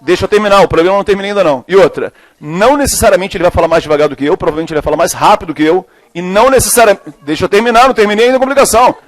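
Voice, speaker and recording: A middle-aged male chemistry teacher, lecturing a classroom in a casual, jokey way. His voice sits high, and he moves between slow, deliberate dictation and quick, animated asides. The sound is dry and close, with little room echo. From Brazil. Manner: lively, informal, jokey, switches between slow dictation and fast talk.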